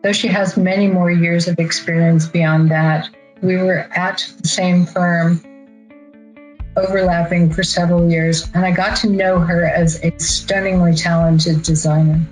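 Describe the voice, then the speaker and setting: A woman presenting at an awards ceremony, giving a formal introduction of the next chapter president with measured, deliberate phrasing. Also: on the low side, little pitch movement, darkish tone, faint music behind, rough recording.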